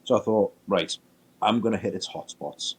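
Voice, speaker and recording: Husky, low-voiced man. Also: a little fast. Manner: animated, acts out his own reactions. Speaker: paranormal investigator guest. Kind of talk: storytelling in casual chat.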